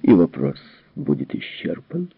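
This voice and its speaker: A man's voice: very deep voice, wildly swooping pitch, measured pace, creaky, breathy edge, dry recording, voice pushed down, heavily acted. A man reading aloud who voices a cold, decisive woman robot psychologist, speaking in clipped, probing questions, on a tinny narrow-band recording.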